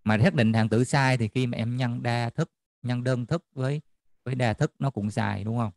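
A man's voice: medium pitch, moderate pace, a little mellow, no room sound, studio quality. A man tutoring a math class online, checking in often with students as he explains. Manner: checks in often with students, repeating "được chưa?".

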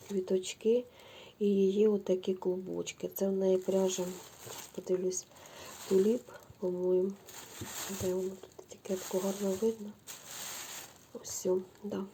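A woman's voice: mid-range voice, gravelly, warm tone, slight background noise. A middle-aged woman, chatting effusively to viewers as she shows knitting yarn at home. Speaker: knitting vlogger. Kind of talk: casual show-and-tell chat.

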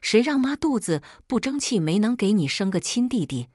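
Brief: meek pleading mother, soft and apologetic, read by a woman. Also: mid-range voice, sing-song, moderate pace, slightly rough, no echo, studio quality, voice pushed up. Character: timid, pleading village mother, weepy.

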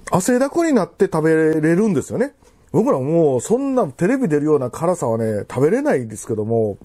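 High-pitched, animated man with a Kansai accent. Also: breathy edge. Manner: halting, rambling, repeats phrases, labored from spicy food. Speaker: food vlogger. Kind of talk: casual chat while eating and drinking to camera. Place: living room at home.

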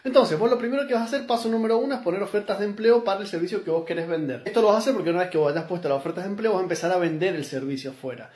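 A man with a Rioplatense accent talks quickly and insistently to a close-held phone, driving each point home bluntly. His voice sits high for a man, and the sound is close and plain, as recorded in a small room at home. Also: a little mellow. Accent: Rioplatense Spanish. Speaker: business content creator. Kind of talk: direct-to-camera advice monologue. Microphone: phone camera held close.

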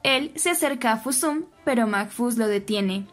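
A woman narrating a scripted soap opera recap, telling the story in a steady way and giving the quoted lines only a slight lift. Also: on the high side, moderate pace. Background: faint background music.

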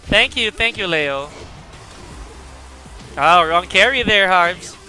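A man giving casual live-stream game commentary, chatty and excitable as he greets viewers. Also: high-pitched, takes it slowly, soft background music.

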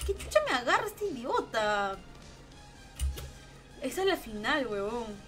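A young woman with a Peruvian accent, streaming games and chatting with her viewers, swearing and breaking into excited yelling. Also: fairly high pitch, unhurried, soft background music. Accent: Peruvian Spanish. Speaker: gaming streamer. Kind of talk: casual livestream chat while gaming.

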